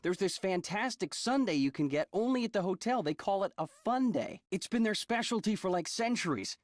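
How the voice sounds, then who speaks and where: A man's voice: high-pitched, brisk, no echo, clean studio sound. An actor playing an eccentric, chatty man in a game who loves riddles and happily avoids his work. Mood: excited. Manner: playful and animated, teasing.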